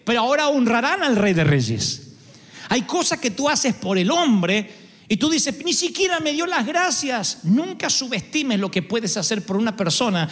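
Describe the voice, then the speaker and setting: A man preaching a sermon as pastor, an expressive storyteller who acts out the dialogue. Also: very high-pitched. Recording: long hall reverb.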